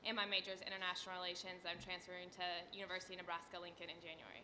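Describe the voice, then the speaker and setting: A woman in her twenties answering as a panelist, quick and to the point. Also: fairly low pitch, little pitch movement, bright, forceful tone, slight background noise. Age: 20s. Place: conference hall.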